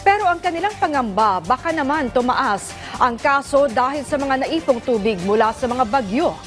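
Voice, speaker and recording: High-voiced woman anchoring the news. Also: expressive, normal speed, soft background music. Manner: crisp, formal anchor delivery. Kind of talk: scripted news introduction.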